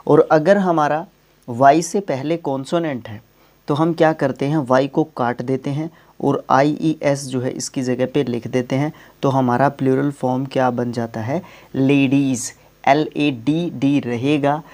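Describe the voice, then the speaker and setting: A man's voice: medium pitch, darkish tone. A man teaching English grammar in Hindi, explaining rules step by step and asking the class questions as he goes.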